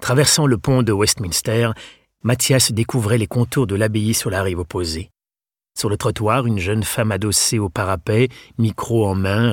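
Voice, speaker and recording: A man narrating an audiobook in a calm, even storytelling manner. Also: lowish voice, breathy edge, no echo, clean studio sound.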